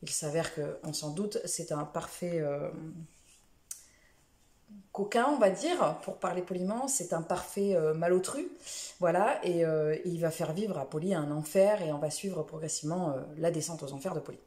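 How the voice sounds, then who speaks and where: A woman's voice: low voice, moderate pace, mellow, echoey room. A woman chatting casually about the books she read this week, rambling a little, with lots of fillers and self-corrections. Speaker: book vlogger. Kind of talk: casual book review chat.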